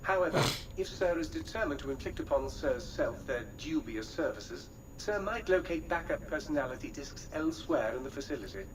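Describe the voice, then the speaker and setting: A man's voice: fairly high pitch, lively intonation, a little fast, few pauses, noisy background, lightly acted. Pompous posh British robot butler, acted by a man, distant. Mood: deferential, lofty. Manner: pompous, florid, deferential. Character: obsequious electronic valet, male robot butler. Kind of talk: video game voice acting.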